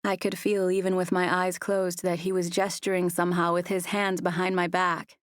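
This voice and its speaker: A woman narrating a first-person romance audiobook in a soft, even storytelling voice on a close mic. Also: lowish voice, moderate pace, no room sound.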